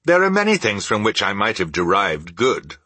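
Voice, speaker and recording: A man voicing a cheerful, warm-hearted young nephew in a storybook reading, earnest and good-natured in manner. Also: lowish voice, wildly swooping pitch, moderate pace, husky, no echo, voice pushed up, heavily acted.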